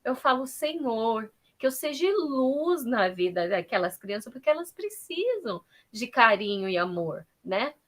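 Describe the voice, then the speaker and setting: A woman's voice: a little high, sing-song, unhurried, hardly any pauses, a bit bright. A woman on a video call sharing a personal story with a church group, emotional and full of quoted dialogue. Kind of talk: personal sharing in an online prayer meeting.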